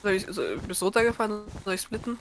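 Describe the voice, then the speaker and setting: A young gamer chatting casually and excitably, full of slang, with the voice jumping up when surprised. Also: very fast. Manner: excitable, slangy, jumps up in pitch. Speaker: gamer and podcaster. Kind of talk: casual gaming chat.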